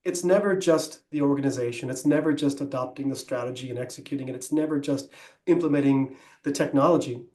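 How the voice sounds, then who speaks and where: A man co-hosting a business podcast talks through ideas in a considered, explanatory way. He pauses on "um" and restarts his sentences. His mid-range voice carries a noticeable room echo. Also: mid-range voice, mellow. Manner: thoughtful, explanatory, with frequent ums and restarts. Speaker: podcast co-host. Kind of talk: conversational business podcast discussion.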